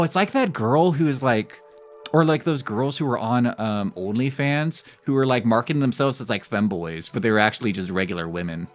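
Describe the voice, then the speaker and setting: A man chatting casually and rambling as he streams a game. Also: on the low side. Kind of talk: casual chat while gaming. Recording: music behind the voice.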